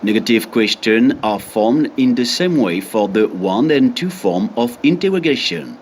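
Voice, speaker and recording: A man reading a French textbook lesson aloud, deliberate and reading out examples one by one. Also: medium pitch, expressive, a little hiss or hum. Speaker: French teacher.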